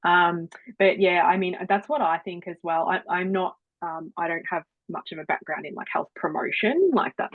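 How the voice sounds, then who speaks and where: A woman appears as a guest presenter in an online webinar Q&A, answering questions hesitantly with many fillers and frequent laughter. Her voice is lowish and moderately paced, recorded dry with no room sound, sounding phone-like.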